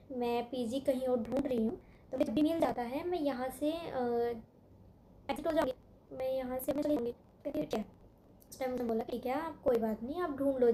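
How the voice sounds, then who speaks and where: Brief: young woman vlogger, high mellow voice, animated storyteller, faint room hum. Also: moderate pace. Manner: animated retelling, acting out both sides of a phone argument. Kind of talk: casual storytelling vlog.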